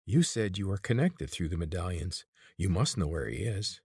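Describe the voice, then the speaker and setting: Male narrator voicing a pained but defiant captive young woman; tense and pleading, pitched up. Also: animated, moderate pace, darkish tone, husky, no room sound, studio quality, exaggerated voice. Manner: strained, pleading.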